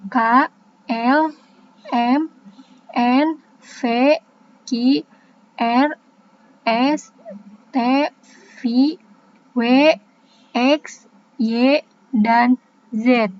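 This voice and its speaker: Young woman, student presenter, high-ish voice, reads examples slowly, muffled lo-fi recording. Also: fairly even intonation, slight background noise. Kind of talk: reading a class presentation.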